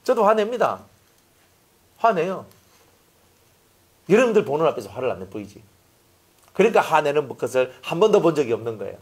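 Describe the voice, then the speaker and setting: A middle-aged male pastor preaching a sermon in an animated way, acting out little scenes with voices. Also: fairly high pitch, a little fast, pauses often, breathy edge.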